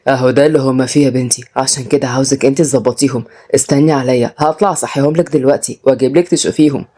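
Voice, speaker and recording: A woman's voice: rumbling low, fairly even intonation, racing, dark tone, pitched below the performer's own voice. A woman voicing a commanding older father who is a judge, with an Egyptian Arabic accent. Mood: kindly. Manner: commanding, gruff.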